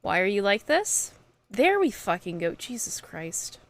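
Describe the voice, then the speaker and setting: A woman's voice: medium pitch, very animated, measured pace. Ranting, swearing young woman streamer. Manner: frustrated, swearing rants. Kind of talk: casual live-stream chat.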